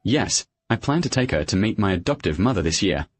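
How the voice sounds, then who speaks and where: A man's voice: lowish voice, very animated, brisk, slightly rough, no room sound. A man dubbing a reserved, devoted husband in a period drama, with an understated, earnest manner. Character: reserved, devoted husband, a ledger-keeping manager. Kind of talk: English dub of a period drama.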